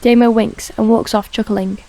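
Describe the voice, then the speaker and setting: A woman narrating an audiobook crime drama in a steady, even reading voice. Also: on the high side, moderate pace. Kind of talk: scripted narration.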